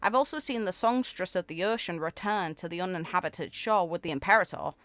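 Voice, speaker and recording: With background music under her, a woman who creates gaming videos reads game character lore expressively and comments casually. Her lowish voice is brisk and a bit bright, recorded without echo.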